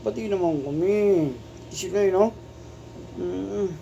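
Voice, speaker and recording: Woman pet owner, casual coaxing baby talk to her cat; warm dark tone, faint noise on a dull home recording. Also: medium pitch, measured pace, vocal fry. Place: at home indoors.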